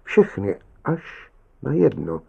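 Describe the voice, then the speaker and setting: A man voicing a weathered, middle-aged male lifeguard who speaks quietly and slowly. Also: mid-range voice, huge pitch swings, gravelly, slightly rough, lo-fi sound, full character voice. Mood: quiet, grave. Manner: quiet and slow.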